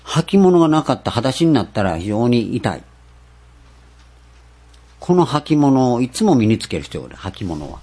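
A man preaching a sermon, stressing points with rhetorical questions and slowing down for scripture. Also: mid-range voice, very animated, mellow. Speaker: pastor.

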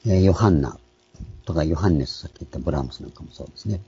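A man, a pastor, giving a calm, explanatory sermon with frequent pauses and fillers. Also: rumbling low, breathy edge, lo-fi sound. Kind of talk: sermon on scripture names.

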